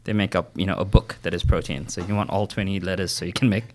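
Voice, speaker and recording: A man's voice: low-pitched, steady tone, fast. A man co-hosting a casual podcast, explaining things patiently with analogies and frequent fillers. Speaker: podcast co-host explaining nutrition.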